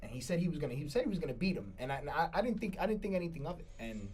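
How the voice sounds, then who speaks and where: A man's voice: a little high, very animated, very fast, a little mellow, slightly rough. A man co-hosting a casual sports talk show, rambling, repeating his words and laughing often. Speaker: co-host. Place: studio.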